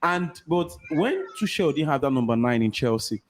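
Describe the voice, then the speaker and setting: A man's voice: a little high, very animated, normal speed, slight background noise. A man with a Nigerian accent giving casual football analysis as a show panellist.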